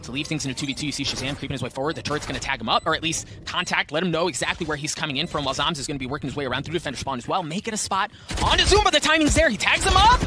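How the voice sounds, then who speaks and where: A man working as an esports caster, calling a match with fast, excited play-by-play that moves between tense tracking and shouted calls. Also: on the high side, noisy background. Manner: animated, swings from hushed tracking to shouted calls.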